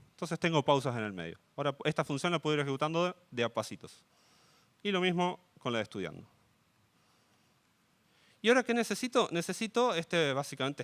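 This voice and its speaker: Lively Argentine man explaining code. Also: a little high. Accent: Rioplatense Spanish. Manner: checks in with audience, asks "¿sí?" often. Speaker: conference speaker. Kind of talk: live coding talk.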